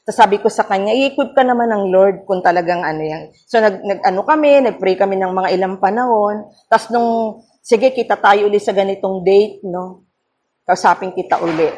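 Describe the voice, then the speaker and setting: A woman's voice: mid-range voice, moderate pace, a little mellow, a little hiss or hum. Earnest woman pastor preaching. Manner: earnest storytelling, mixing English phrases, frequent "no?" tags. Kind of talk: devotional sermon at a prayer meeting.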